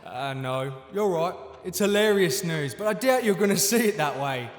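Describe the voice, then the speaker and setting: Guy doing a smug mountain king for audio drama, high voice, mocking and chuckly, long roomy reverb. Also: expressive, moderate pace, lightly acted. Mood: gleeful mocking. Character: gleeful smirking male Nome King, mocking villain of a mountain. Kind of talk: full-cast fantasy audio drama acting.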